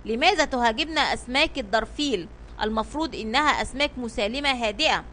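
A woman's voice: fairly high pitch, fast, pushed and bright, a little hiss or hum. A woman voicing a worried male sailor in a storybook, exclaiming anxiously.

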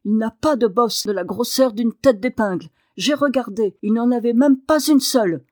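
A woman's voice: a little high, moderate pace, a little mellow, no echo, clean studio sound, lightly acted. A woman reading aloud and voicing a fierce, indignant young girl.

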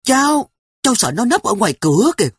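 A storyteller voicing a timid young girl who whines and pleads in a high, wavering voice. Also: sing-song, quick pace, breathy edge, no room sound, clean studio sound. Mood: scared. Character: frightened little girl, the narrator's younger sister. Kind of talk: audiobook character voice.

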